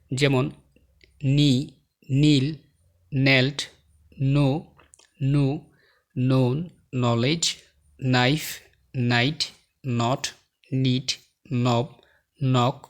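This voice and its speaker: A man's voice: mid-range voice, fairly even intonation. A man teaching a slide-based lesson, reading example words one by one and explaining the rules, with clicking behind him. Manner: slow, word-by-word example reading. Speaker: English teacher.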